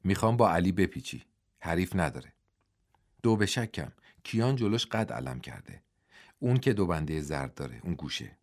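A man's voice: deep voice, big pitch swings, pitched below the performer's own voice. A man voicing an older male wrestling coach who talks in a coaxing, fatherly way in a storybook reading.

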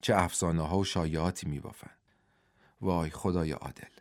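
A man's voice: low voice, fairly even intonation, no room sound, studio quality, pitched below the performer's own voice, natural voice. A man voicing a young male wrestler, anguished and pleading, in a storybook reading.

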